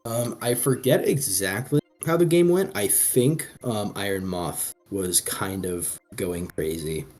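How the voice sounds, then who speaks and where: A man's voice: lowish voice, measured pace, a little mellow. A man co-hosting a casual commentary show, rambling with frequent restarts. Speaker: co-host.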